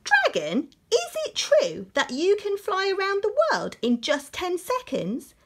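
A woman voicing a clever, bold young princess with high, loud, emphatic exclamations. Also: wildly swooping pitch, measured pace, background noise, exaggerated voice. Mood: flattering.

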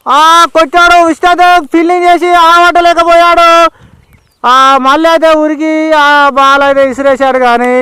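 A man's voice: very high-pitched, flat delivery, moderate pace, pushed and bright, no room sound. A man with a Telangana Telugu accent giving informal, exclamatory ball-by-ball cricket commentary, often repeating his calls.

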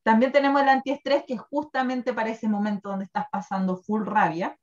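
A woman in her thirties with a Chilean Spanish accent, chatting casually as a guest who presents wellness products. She talks in an animated, chatty way and laughs often. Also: fairly high pitch, a little fast. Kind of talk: casual chat. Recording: dull lo-fi recording.

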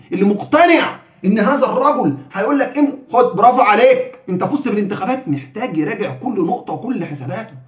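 A man's voice: high-pitched, reverberant. A man with an Egyptian accent giving heated, sarcastic political commentary.

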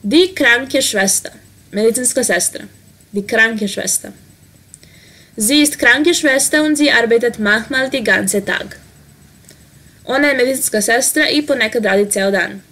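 A woman teaching vocabulary, saying each word and example slowly, then translating it quickly. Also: a little high, sharp tone. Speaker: language teacher. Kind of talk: vocabulary lesson.

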